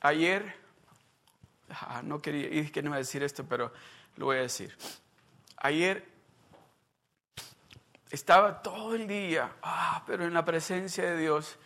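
A man in his fifties preaching a sermon as a pastor, going from quiet, low-key talk to loud, fervent preaching. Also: unhurried, pauses often. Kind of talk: bilingual sermon.

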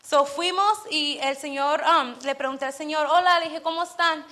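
A woman's voice: high voice, normal speed, bright, forceful tone. A woman telling an earnest, emotional personal testimony at a church service, acting out the dialogue as she tells it. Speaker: church member giving testimony.

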